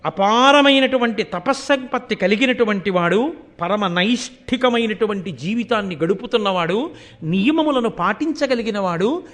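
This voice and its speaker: A man's voice: high-pitched, animated, moderate pace, a bit bright. A man giving a storytelling sermon, narrating animatedly and sometimes chanting verse. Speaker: religious discourse speaker.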